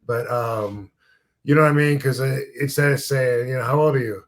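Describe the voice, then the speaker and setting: A man in his fifties, a former wrestler now hosting a podcast, chats casually at normal speed in a medium-pitched voice. He rambles in a laid-back way, trailing off into fillers and swearing freely.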